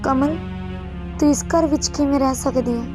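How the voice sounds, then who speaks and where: A woman's voice: high voice, steady tone, moderate pace, over music, close to an everyday voice. A woman playing a blunt, warning woman. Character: stern woman warning a young woman. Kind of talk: amateur short film acting.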